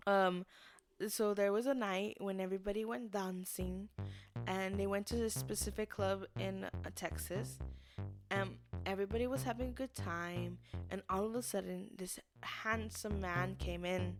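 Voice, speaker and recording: A woman's voice: medium pitch, steady tone, moderate pace, music in the background. A young woman co-hosting a podcast, telling a scary story in a casual, rambling way with lots of fillers. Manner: rambling storyteller with many fillers and acted-out quotes. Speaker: podcast co-host.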